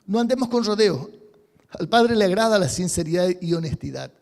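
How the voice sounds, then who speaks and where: A male pastor giving an animated sermon, acting out sample prayers and checking in with the congregation. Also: sits high, a little fast, vocal fry. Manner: animated, acts out sample prayers, asks "¿sí?" often. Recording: reverberant hall.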